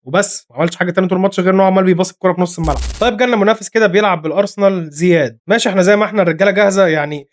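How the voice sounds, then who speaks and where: A man with an Egyptian accent giving rapid, excitable live commentary on his own football video game match, scolding his players, his voice going hoarse. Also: high-pitched. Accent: Egyptian Arabic. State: voice getting hoarse. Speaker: gaming commentator.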